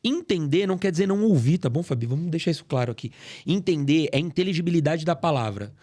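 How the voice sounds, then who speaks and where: A middle-aged man from Brazil, a guest on a podcast, explaining things in an animated, storytelling way in a studio. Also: fairly high pitch, fast. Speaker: guest, acoustics company CEO. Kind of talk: casual podcast interview.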